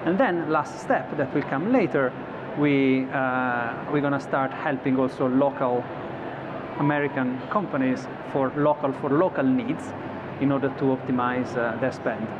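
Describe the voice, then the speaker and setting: A man's voice: mid-range voice, normal speed. A man in his thirties, an executive guest interviewed at a trade show studio set, speaking thoughtfully with frequent restarts and fillers. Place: broadcast studio set on a convention floor. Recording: slightly dull audio with clear background noise.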